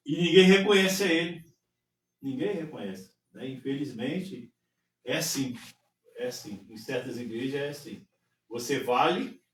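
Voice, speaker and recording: A man's voice: on the high side, fairly bright tone, slight background noise. A man, a pastor, telling a personal testimony in casual podcast talk and acting out the dialogue he quotes. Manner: storytelling, acts out quoted dialogue. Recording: roomy, distant mic, faint ambience.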